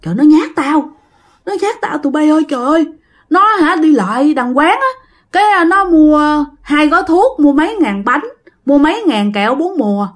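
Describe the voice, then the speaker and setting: A woman's voice: high voice, lively intonation, normal speed, voice pushed up. A woman with a Southern Vietnamese accent voicing an old village shopkeeper woman who stammers in fright. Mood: agitated. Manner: stammering, breathless exclamations.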